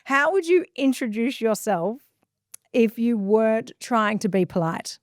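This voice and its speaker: A woman's voice: a little high, animated, measured pace, no room sound, clean studio sound. A woman hosting a podcast, asking her guest questions in an easygoing, chatty interview. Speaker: podcast host. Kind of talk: casual interview.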